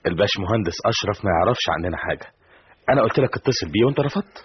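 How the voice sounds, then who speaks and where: An actor playing a calm Egyptian teacher with an Egyptian accent who explains and soothes, in an old radio drama. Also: male voice, fairly low pitch, very fast, a little hiss or hum, lightly acted. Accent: Egyptian Arabic. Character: calm male Egyptian teacher, steady helper. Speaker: teacher who brings news. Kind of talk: 1970s radio drama acting. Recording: dull old radio recording.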